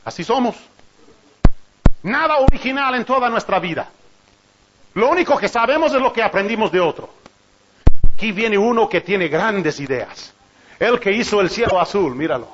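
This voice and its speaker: High-voiced man preaching a sermon. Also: moderate pace, long pauses, slight background noise. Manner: animated, rhetorical questions, chuckles between points. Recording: dull lo-fi recording.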